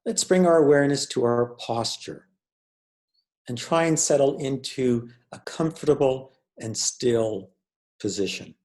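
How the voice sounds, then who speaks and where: With a mid-range voice and a darkish tone, a man leads a guided meditation as its teacher. His speech is deliberate and measured, with pauses separating each phrase.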